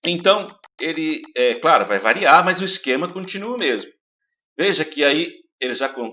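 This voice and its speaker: A man's voice: mid-range voice, sharp tone, muffled recording. A man teaching a recorded video lesson, explaining step by step and putting questions to his students. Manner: explains step by step, asks the class questions, many fillers like "né" and "então".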